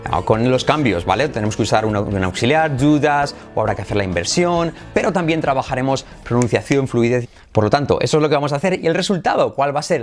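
A man from Spain teaching English in a video lesson, energetic and drilling phrases over and over. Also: medium pitch. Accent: Spain Spanish.

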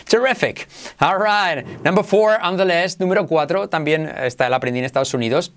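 A man with a Spain Spanish accent teaching English in an online lesson, enthusiastic and self-described as exaggerated, drilling words slowly for the listener to repeat. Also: a little high, a bit bright, smooth.

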